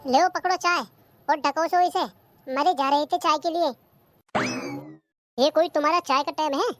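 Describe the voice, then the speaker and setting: A performer voicing a cheeky, lazy young daughter-in-law who talks back, in a cartoon comedy. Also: female voice, sits high, steady tone, moderate pace, a bit bright, soft background music. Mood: sassy.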